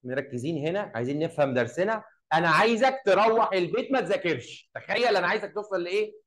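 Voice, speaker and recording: A man with an Egyptian accent teaching an English lesson to a class. He drills short phrases slowly, repeats them and quizzes his pupils. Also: high-pitched, animated, a bit bright, rough recording. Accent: Egyptian Arabic.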